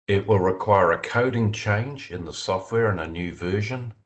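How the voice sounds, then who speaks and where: Low voice, man, video meeting, technical, explanatory, measured. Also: rough recording. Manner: measured, explanatory, with frequent fillers. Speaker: software developer answering committee questions.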